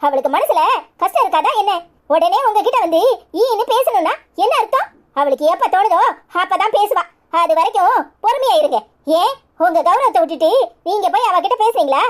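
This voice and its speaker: A woman voices a firm, sharp-tongued cartoon mother who speaks her mind in a Kanyakumari Tamil accent. The voice sits extremely high. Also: animated, a little fast. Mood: scolding. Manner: scolding, firm. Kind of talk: cartoon voice acting.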